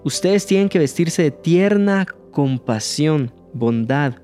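A man preaching a sermon, earnest and slowing down to stress key phrases, with light jokes. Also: a little high, animated, warm tone, soft background music.

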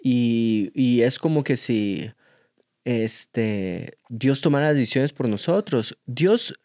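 Measured man clarifying. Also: medium pitch, expressive, a little mellow, no echo, studio quality.

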